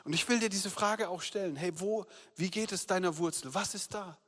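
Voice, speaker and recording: Earnest German pastor preaching in hall. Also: male voice, sits high, normal speed. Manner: earnest, shifts between loud appeals and soft hushed confession. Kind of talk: sermon. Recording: long hall reverb.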